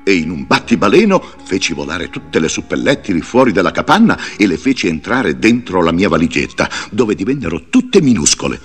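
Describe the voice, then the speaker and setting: A wise old wizard with a low, rumbling voice. He tells his storybook tale with big, swooping pitch and theatrical flair. Faint music plays softly behind him. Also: very animated, fairly quick, hardly any pauses. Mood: storytelling. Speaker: storybook narrator in character. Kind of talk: read-along storybook narration.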